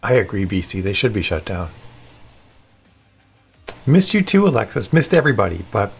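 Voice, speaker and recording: Husky low-voiced man hosting a stream. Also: big pitch swings, normal speed, soft background music. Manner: chatty, greeting viewers and answering chat by name. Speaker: live stream host. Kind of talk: casual live-stream chat.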